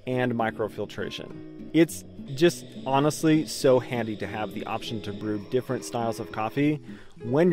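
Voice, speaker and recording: A man's voice: mid-range voice, darkish tone. A man vlogging at an outdoor campsite, casually walking through his camping gear with loose, rambling speech and fillers. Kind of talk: casual gear walkthrough vlog.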